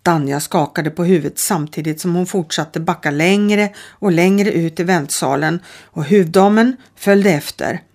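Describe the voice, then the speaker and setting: A middle-aged woman reading a children's audiobook with steady, calm storytelling. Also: lowish voice. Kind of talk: audiobook narration.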